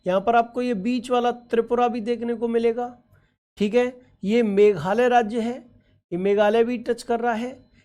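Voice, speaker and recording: A woman's voice: a little high, fairly even intonation, moderate pace, dark tone. A woman teaching an exam-prep geography class over a map, fondly calling her students children and quizzing them with repeated questions and frequent okay checks. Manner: affectionate, addresses students as children.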